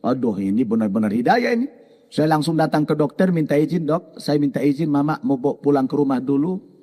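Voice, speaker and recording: A middle-aged male preacher telling a personal story in a sermon, animated and acting out the voices in it. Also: a little high, a little fast, long reverb tail. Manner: animated, voicing his mother and others in quoted dialogue.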